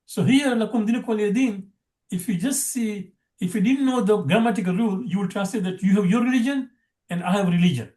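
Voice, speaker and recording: Guy teaching arabic grammar online, kinda high voice, lots of restarts, roomy sound. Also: fairly quick, darkish tone. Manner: explains patiently with many restarts.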